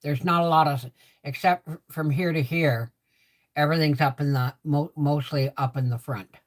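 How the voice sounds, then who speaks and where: A woman's voice: deep voice, steady tone, normal speed. An older woman chatting casually to viewers in a rambling way, repeating herself, her speech affected by a swollen, sore mouth after having teeth pulled. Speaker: livestream host.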